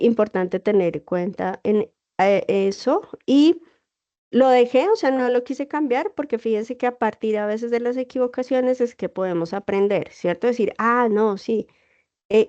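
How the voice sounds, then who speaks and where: A woman's voice: medium pitch, dark tone. A woman teacher giving an online class, explaining patiently and checking in with her students. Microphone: computer mic on a video call. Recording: dull lo-fi video call audio.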